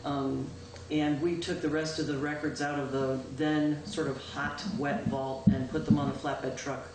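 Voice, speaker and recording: In a town meeting room, a loud-voiced female clerk talks through an informal report for the town board, her pitch low with little movement. She's chatty, repeatedly saying "um" and correcting herself. The recording, made on a distant room microphone for local access, is noisy and echoey and sounds far away.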